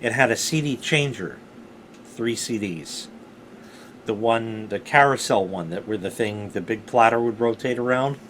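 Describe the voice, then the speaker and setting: A middle-aged man telling rambling personal stories casually, with animated, salty emphasis on key words. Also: lowish voice, measured pace, a little hiss or hum. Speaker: storyteller, vlog host.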